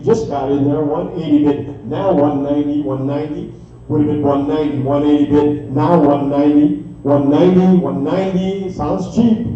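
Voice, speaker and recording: Male auctioneer for live bid-calling, fast repetitive chant, heard from far off in a dull, very echoey room. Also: fairly high pitch, a little hiss or hum. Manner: rapid repetitive bid chant with filler phrases. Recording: echoey distant dull room sound, faint music.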